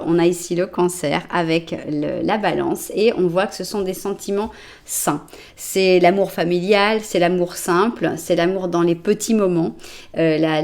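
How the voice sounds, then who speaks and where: A woman's voice: mid-range voice, a little mellow. A woman from France, in her forties, doing a chatty, reassuring tarot card reading and narrating each card as she draws it. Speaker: tarot reader.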